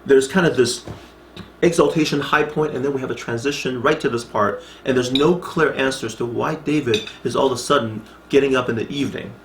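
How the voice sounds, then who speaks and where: Man, Bible teacher, conversational lecture, mid pitch, roomy echo, faint background hum. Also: a little fast, a bit bright. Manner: conversational, reads scripture aloud with asides; frequent restarts and checks like "okay?".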